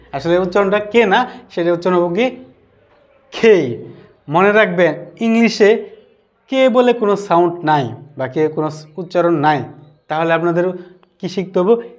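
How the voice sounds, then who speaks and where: A man giving a spoken English lesson, repeating each letter slowly and mixing English phrases into his talk. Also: high-pitched. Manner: mixes English words into Bengali. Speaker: English teacher.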